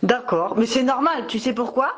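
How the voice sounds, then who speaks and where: A woman's voice: fairly high pitch, normal speed. Woman chatting playfully over the phone. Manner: playful, encouraging replies to a child. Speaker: mother talking with her young child. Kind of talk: casual affectionate phone chat over the phone. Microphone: telephone call.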